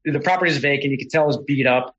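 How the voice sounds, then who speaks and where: A middle-aged man, a podcast guest, telling stories in a casual, animated way, often correcting himself mid-sentence. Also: medium pitch, rapid-fire, dull audio. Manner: animated, self-correcting storyteller. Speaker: podcast guest, real estate investor. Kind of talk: casual storytelling.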